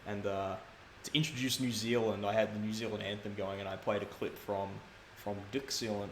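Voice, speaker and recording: A man's voice: on the low side, little pitch movement, a little fast, fairly bright tone. A man telling stories in casual chat, rambling and correcting himself as he goes. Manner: rambling, self-correcting storyteller. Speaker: guest speedrunner. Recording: echoey room, faint background noise.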